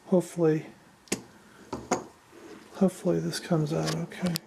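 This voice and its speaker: A woman with a low, gravelly voice talks through a hobby build in a casual, unscripted way. She is hesitant and modest about her own work, and a machine hums clearly behind her. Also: little pitch movement, unhurried. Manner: hesitant, self-deprecating, apologetic. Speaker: hobbyist presenter of a drone build. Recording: clear machine noise in background. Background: machine noise.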